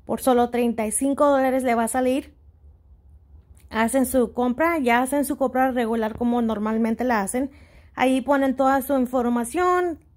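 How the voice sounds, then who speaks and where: A woman's voice: high-pitched, normal speed, darkish tone. A woman in her Spanish, hosting a casual step-by-step tutorial, a little hesitant and mixing in English words. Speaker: host of a shopping tutorial channel.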